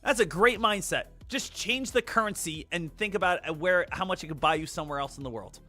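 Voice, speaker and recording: A man hosting a live day trading stream talks in a high, brisk, pushed and bright voice over soft background music. He chats casually with viewers, brash, joking, and crude.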